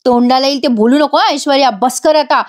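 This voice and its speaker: A woman's voice: high voice, brisk, lightly acted. A woman voicing a fiery young sister-in-law who defends herself heatedly. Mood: angry defiant. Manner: heated, defiant.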